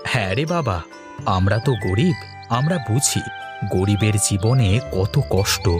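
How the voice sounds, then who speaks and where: A man's voice: lowish voice, expressive, unhurried. A patient, generous village husband, voiced by a man soothes and pleads in a cartoon. His voice moves animatedly, with faint music behind. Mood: hopeful. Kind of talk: cartoon voice acting.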